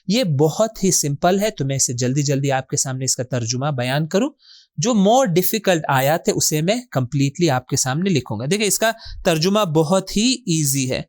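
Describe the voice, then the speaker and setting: A man's voice: fairly high pitch, no echo, clean studio sound. A man teaching a word-by-word Quran grammar lesson, posing questions to his students and answering them himself, with English terms mixed into his explanations.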